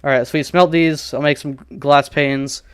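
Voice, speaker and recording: A man's voice: on the high side, fairly even intonation, moderate pace, clear, resonant tone, no room sound. A man streaming a survival game, casually thinking aloud and joking at his own expense while he plays. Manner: rambling, self-deprecating, thinking aloud.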